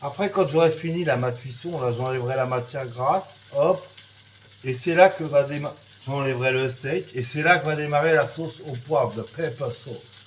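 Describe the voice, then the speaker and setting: A French cooking teacher with a medium-pitched voice gives a casual, chatty kitchen demonstration at a moderate pace, full of verbal tics like "hein" and "voilà" plus sound effects. The kitchen echoes, a pan fries and sizzles, and there's slight background noise.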